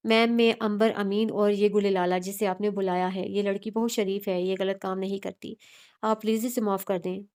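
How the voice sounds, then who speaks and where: A woman voicing a flustered young female student who rushes through pleading apologies, in a storybook reading. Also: mid-range voice, flat delivery, darkish tone, clear, resonant tone, natural voice.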